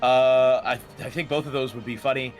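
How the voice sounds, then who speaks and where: A man's voice: mid-range voice, fairly even intonation, normal speed, soft background music. A man chatting casually as a player at a game table, deliberating hesitantly over his choices.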